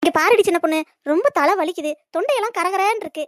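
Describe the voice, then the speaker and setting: A shrill, very high-pitched old mother-in-law, put on by a woman,, nagging and sly in a cartoon comedy. She rattles off her lines fast, and the recording is dry and close. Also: no echo. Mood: wheedling.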